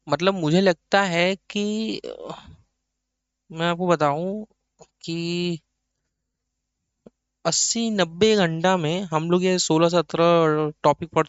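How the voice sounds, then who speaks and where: A man's voice: high-pitched, smooth, dry recording, dull audio. Chatty male lecturer, dry close sound. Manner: chatty, addresses students as kids, voices their questions himself. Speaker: chartered accountancy teacher. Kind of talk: online lecture.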